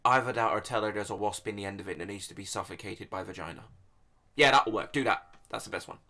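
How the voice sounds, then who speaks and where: Gravelly Englishman with a crude comic rant. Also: on the low side, steady tone, rapid-fire, pushed and bright. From England. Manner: crude, swearing, absurd mock-serious humor. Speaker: YouTube comedian answering online questions. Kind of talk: comedic rant vlog.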